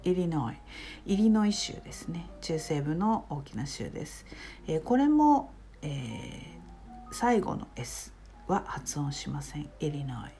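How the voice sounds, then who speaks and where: A woman who teaches English, giving a spoken pronunciation lesson with many filler pauses. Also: low-pitched, big pitch swings, creaky, mellow, faint music behind.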